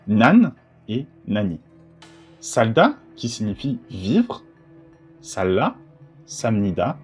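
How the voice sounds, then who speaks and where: A man giving an online grammar lesson, explaining rules in a relaxed, chatty way with joking asides. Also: medium pitch, slightly rough. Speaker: Korean language teacher.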